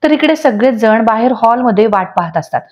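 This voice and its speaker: A woman's voice: on the high side, fairly quick. Woman narrating a serial recap. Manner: steady storytelling, reads dialogue aloud. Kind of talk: scripted Marathi episode recap narration. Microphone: voice-over.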